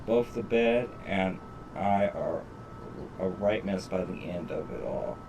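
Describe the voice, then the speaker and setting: Low and slow, a man reads aloud from a game he's live-streaming, stumbling over lines and tossing in sweary commentary. Game music fills the noisy background, and the mic is distant.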